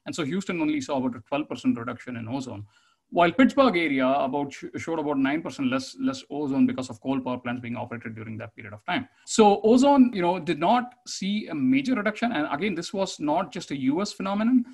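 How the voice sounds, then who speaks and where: Husky-voiced man presenting slides. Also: on the high side, lively intonation, quick pace, a little mellow. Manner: explanatory, many fillers and restarts. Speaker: conference presenter.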